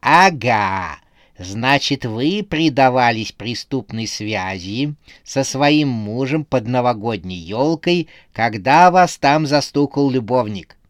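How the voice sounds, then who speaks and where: A man's voice: mid-range voice, lively intonation, takes it slowly, no echo, studio quality. A man voicing a brash female squirrel who plays detective in a comic horror audiobook, bossy and theatrical, jumping to accusations.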